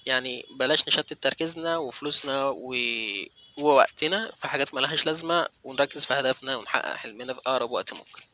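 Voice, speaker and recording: Brisk Egyptian man giving advice. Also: medium pitch, bright, forceful tone, dull audio. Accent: Egyptian Arabic. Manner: direct, coaching, addresses the viewer as you. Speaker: language-learning vlogger. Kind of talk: motivational advice talk to camera.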